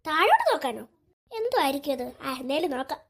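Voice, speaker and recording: A high-voiced performer voicing an old grandmother in a cartoon, speaking low and slow and trailing off. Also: very animated, a bit bright, heavily acted. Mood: puzzled.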